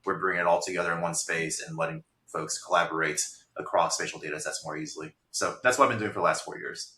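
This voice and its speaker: A man from Taiwan answering interview questions in a very low voice with a bright, forceful edge. He explains things in a measured way, with plenty of "um" and "uh", and the room around him echoes noticeably. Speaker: guest, startup founder.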